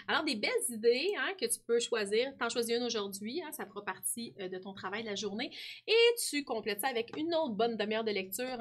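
A woman teacher in her thirties with a Québécois French accent, speaking straight to pupils in a broadcast lesson and often tagging her sentences with "hein". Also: a little high. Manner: warm, animated, addresses pupil directly with frequent "hein". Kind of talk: addressing pupils on a school TV lesson.

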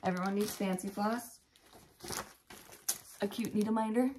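A woman's voice: medium pitch, steady tone, measured pace, noisy background. Chatty upbeat woman co-host. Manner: chatty, upbeat, laughs often. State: out of breath. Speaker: co-host of a cross-stitch video show. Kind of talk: casual chat, listing giveaway prizes.

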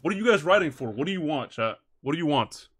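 A man's voice: on the high side, expressive, fast talker, fairly bright tone, husky. Brash male streamer through a voice changer. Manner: brash, profane, teasing. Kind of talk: live stream talking to chat.

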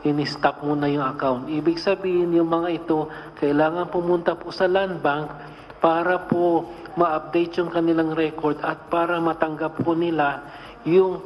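A middle-aged man, a transport board official, speaking formally and politely at a hearing, mixing English into his answers. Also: a little high. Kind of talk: press hearing remarks. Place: hearing room, indoors. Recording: dull sound with reverb, faint noise.

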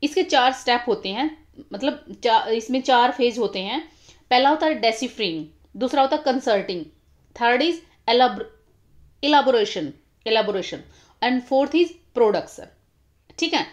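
A young woman teaching exam prep talks through exam questions step by step on an annotated screen, repeating key terms and blending English titles into Hindi. Her voice is on the high side, animated, and slow-paced.

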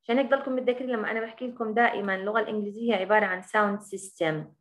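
A woman with a Levantine Arabic accent teaching an English grammar lesson. She explains in Arabic and slows down on the English example words. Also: medium pitch.

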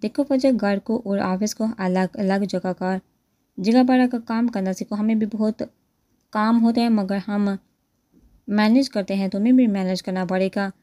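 A woman's voice: mid-range voice, fairly even intonation, dark tone, no room sound, natural voice. A woman voicing a stern older businessman who scolds his niece, read in a plain storytelling voice.

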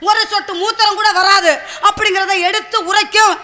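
A woman stage comedian from rural Tamil Nadu, firing off sharp-tongued rhyming insults in a village comedy play. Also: extremely high pitch, little pitch movement, fairly quick.

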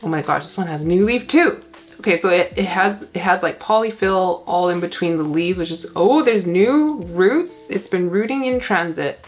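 A Canadian woman with a Canadian accent hosting a casual plant unboxing vlog, chatty and gushing with excitement. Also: on the low side, normal speed, soft background music. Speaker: plant channel host.

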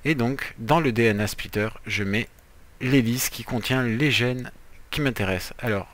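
A man's voice: medium pitch, normal speed, fairly bright tone. A man giving casual, playful gameplay commentary as a let's player, chatty, with jokey asides while he explains what he is doing.

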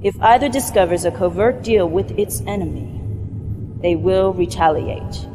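Cool and stern, a young adult actress portrays a dutiful, controlled female military mentor, giving a clipped, formal scripted mission briefing in a sci-fi game cutscene. Her mid-range voice is warm and close to an everyday voice, at a normal speed. A long hall reverb surrounds her, with background music underneath.

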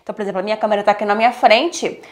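A young Brazilian woman shares YouTube tips in a relaxed, talkative vlog, recorded at home on a lapel mic clipped to her blouse under softbox lighting. Her mid-range voice carries a Brazilian Portuguese accent, and she's lively and chatty, tagging sentences with quick checks like "tá?" and "né?".

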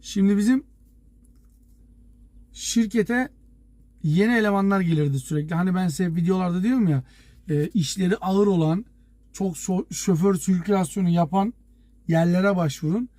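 A truck driver telling a story to his viewers in a casual, lively way, acting out the dialogue and chuckling as he goes. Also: high voice, moderate pace, long pauses, no room sound. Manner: lively anecdote teller, acts out dialogue.

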